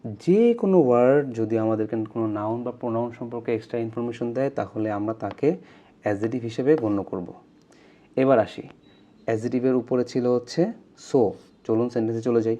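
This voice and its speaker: A man teaching an English grammar lesson, repeating key points, drawing out words slowly and asking his learners questions. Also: medium pitch, mellow, lo-fi sound.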